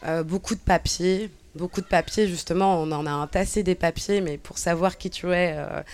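A woman in her thirties from Cabinda, Angola, gives personal testimony as an interview guest, reflective and hesitant, with many fillers and restarts. Her darkish voice sits on the low side, with fairly even intonation and a moderate pace.

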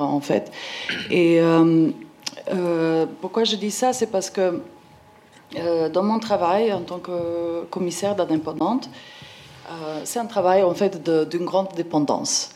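A woman in her forties from Slovenia, in the former Yugoslavia, speaks slowly in a fairly low, darkish voice with fairly even intonation. An independent art curator on a panel, she gives an informal conference talk with a Slovenian accent, hesitating and searching for words.

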